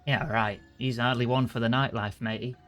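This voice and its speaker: A man's voice: mid-range voice, steady tone, moderate pace, a bit bright, faint music behind, close to an everyday voice. A man voicing a scheming, servile Cockney minion in a video game, like a hunchback assistant, chummy and conspiratorial. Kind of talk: reading game dialogue in character.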